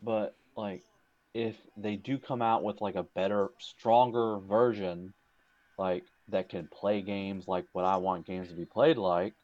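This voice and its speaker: A man's voice: on the low side, fairly even intonation, unhurried, a little mellow, lo-fi sound. A man chatting casually about video games as a co-host, saying "like" a lot as filler.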